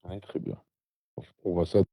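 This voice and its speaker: A man calling in over the phone, his voice disguised deep by a voice changer and muffled, fumbling with his audio in a casual chat. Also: a little slow, warm tone, no echo, clean studio sound. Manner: confused, struggling with his audio. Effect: voice changer making the voice deep and muffled. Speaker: remote co-host calling in. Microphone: phone with earphones. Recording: distant phone line.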